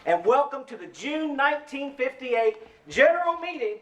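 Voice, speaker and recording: A man's voice: extremely high pitch, very animated, normal speed, a bit bright, reverberant, exaggerated voice, poor audio. An actor playing a folksy male lodge emcee welcoming members and announcing the evening's entertainment. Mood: hearty. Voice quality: folksy, showman-like. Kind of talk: radio drama acting.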